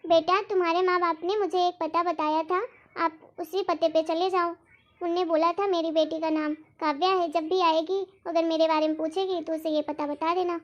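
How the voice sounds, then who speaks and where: A woman voicing a kindly old male temple priest in a family story, calm and helpful. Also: very high-pitched, moderate pace, lo-fi sound, pitched below the performer's own voice.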